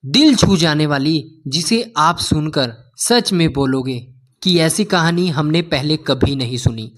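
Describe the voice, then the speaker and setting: Male storyteller, heartfelt, calls listeners friends, slow delivery, fairly high voice. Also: lively intonation. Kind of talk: emotional storytelling narration.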